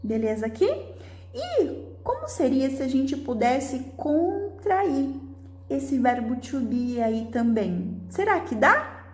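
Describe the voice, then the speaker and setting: A woman, a Portuguese speaker, teaches beginner English in a slow, unhurried way. Her voice sits a little high and swings widely in pitch, and she keeps checking in with her viewers. The room gives her voice a clear echo. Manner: lively, checks in with the viewer often; reads example sentences slowly and clearly. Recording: roomy, echoey sound.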